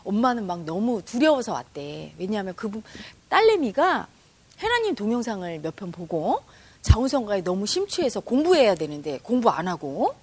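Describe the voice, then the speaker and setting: A woman teaching meditation in a spiritual talk to an audience, expressive and acting out the dialogue she quotes. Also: mid-range voice, moderate pace, husky.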